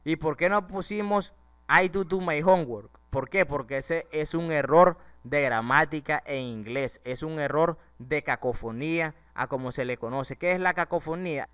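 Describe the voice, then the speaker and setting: A man's voice: on the high side, normal speed, hardly any pauses, a bit bright, smooth. A man with Spanish as his first language, explaining English grammar step by step and asking his students questions as he goes. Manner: explains step by step, asks the class rhetorical questions. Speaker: English teacher. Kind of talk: classroom-style grammar lesson.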